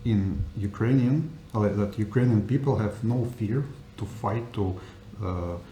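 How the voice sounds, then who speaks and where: Man, English. Unhurried, halting interview answers, roomy sound with a little noise. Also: fairly low pitch, warm tone. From Russia. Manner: halting, searching for words in simple non-native English. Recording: echoey room with faint noise.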